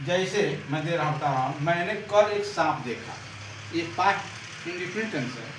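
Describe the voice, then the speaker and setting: A man's voice: on the high side, expressive, normal speed, noisy background. A male teacher, explaining grammar to a class, repeating and quizzing as he writes. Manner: repeats and quizzes the class, writing while talking. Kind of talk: blackboard grammar lesson. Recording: roomy echo, far from mic, faint ambience.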